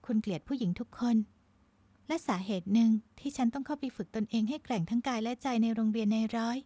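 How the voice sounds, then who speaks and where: A woman voicing a tough but loving young female navy lieutenant in an audiobook romance, speaking softly and high. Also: quick pace, no echo, natural voice. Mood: confessing. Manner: soft and high, breaking when dying.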